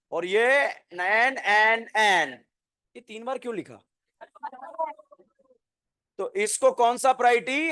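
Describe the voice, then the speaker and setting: A man's voice: sits high, fairly bright tone, dry recording, clean studio sound. A man teaching chemistry to a classroom, quizzing students, counting their answers and explaining with playful name mnemonics. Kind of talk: classroom lecture.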